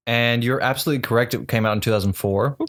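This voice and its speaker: A man's voice: medium pitch, fairly bright tone. Man hosting a casual podcast quiz. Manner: reads trivia answers briskly. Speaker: quiz host.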